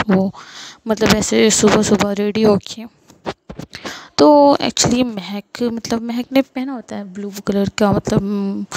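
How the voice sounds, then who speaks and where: Young woman storyteller, chatty and rambling, slight vocal fry; casual narration. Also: mid-range voice, noisy background. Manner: chatty, many fillers like "matlab".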